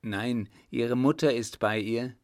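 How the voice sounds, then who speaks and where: A man's voice: medium pitch, steady tone, slow, no echo, clean studio sound. A man reading the lines of a flustered, deferential young baron in an audiobook. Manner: stammering, deferential.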